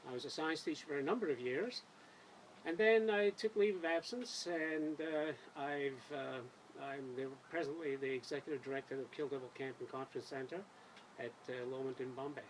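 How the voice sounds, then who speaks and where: A man in his seventies from Scotland, giving a halting interview answer as a council candidate. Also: mid-range voice, slight background noise, rough recording. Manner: halting, many fillers.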